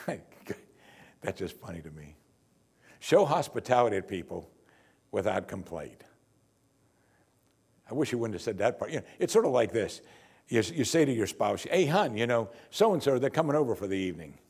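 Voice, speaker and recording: An older man, a pastor, preaching a sermon from the pulpit of a church in a lively, conversational and wry way, on a lapel mic. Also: on the low side, normal speed, creaky, long pauses, breathy edge.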